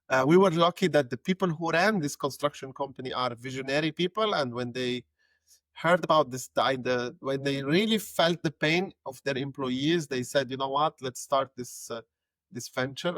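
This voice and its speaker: A man's voice: medium pitch, fairly bright tone, no room sound. Guy from lebanon, young, easygoing guest chat, repeats himself a bit, dry mic. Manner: conversational, repeats words while thinking. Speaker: guest, head of growth. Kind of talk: casual interview talk.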